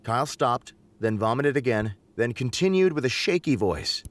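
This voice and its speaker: Male narrator reading a text game, animated pitch, dry booth. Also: normal speed, dry recording.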